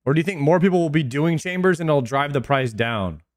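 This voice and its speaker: A man's voice: fairly high pitch, expressive, brisk, no echo, clean studio sound. A man chatting casually on a game livestream in hyped, slangy frat-bro talk. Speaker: game streamer. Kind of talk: casual livestream gaming chat.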